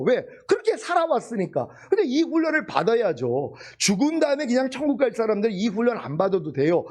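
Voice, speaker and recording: A man preaching with a high, bright pitch that leaps up and down with animation. He drives his points home emphatically, asking his congregation question after question. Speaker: pastor. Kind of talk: sermon.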